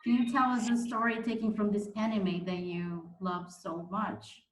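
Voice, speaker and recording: A woman's voice: medium pitch, flat delivery, normal speed, echoey room, low-quality recording. A woman hosting a casual online meeting. She steers the talk along and teases the group. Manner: teasing, directs the conversation. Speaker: meeting host. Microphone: video call.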